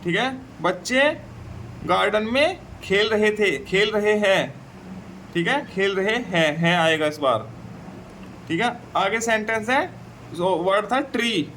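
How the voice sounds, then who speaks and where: A man with a Hindi accent teaching an English textbook lesson, repeating "theek hai" and reading English sentences slowly before translating them. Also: high-pitched, lively intonation, fairly bright tone, slight background noise, low-quality recording. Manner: slow and repetitive, says "theek hai" often.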